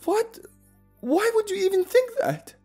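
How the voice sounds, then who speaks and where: A man voicing an anxious young woman who pleads gently and rises high in pitch. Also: huge pitch swings, moderate pace, faint music behind. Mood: tearful.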